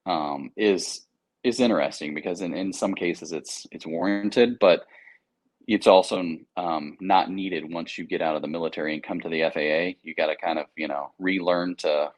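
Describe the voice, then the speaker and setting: A low-voiced American air traffic controller chats at a moderate pace during an interview. His explanations are loose and informal, sprinkled with slang and personal stories.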